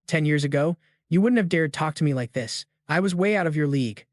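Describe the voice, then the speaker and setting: A bitter, sarcastic noblewoman hurls accusations at her former friend, as a male narrator reads her lines. The voice sits a touch high and sounds dry and close, with little room around it. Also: lively intonation, brisk, dry recording, natural voice. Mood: furious, sarcastic. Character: furious, bitter noblewoman stripped of title.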